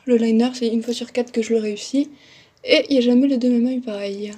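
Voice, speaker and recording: Working through a makeup tutorial, a young vlogger keeps up a chatty, self-deprecating commentary as she goes. She speaks a little fast in a warm, somewhat high voice with fairly even intonation.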